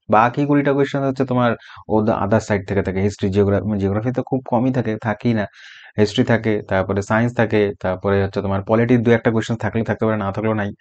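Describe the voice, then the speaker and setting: A man's voice: mid-range voice, darkish tone, muffled recording. A man teaching a casual exam-prep lesson, going through quiz answers and checking in with his students often. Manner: explains quiz answers with frequent checks like "okay?".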